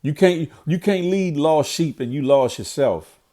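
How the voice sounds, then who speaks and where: A warm-toned, slightly high male voice, animated but unhurried, belongs to a middle-aged vlogger with a stuffy, nasal sound. He offers blunt, preachy commentary on current events, repeating himself when he gets heated.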